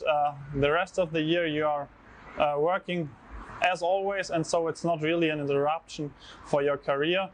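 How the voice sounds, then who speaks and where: A man's voice: fairly high pitch, slight background noise. A young man from Germany, a master's student, speaking hesitantly with fillers in an outdoor arcade. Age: young adult. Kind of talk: testimonial interview. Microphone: lapel mic.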